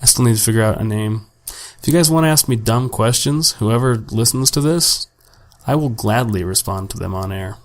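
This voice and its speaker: Recording alone at home on a desk mic without a pop filter, a young man chats profanely and casually through his week, running himself down often. His voice is medium-pitched and slightly raspy from talking all day, and he speaks at a normal speed.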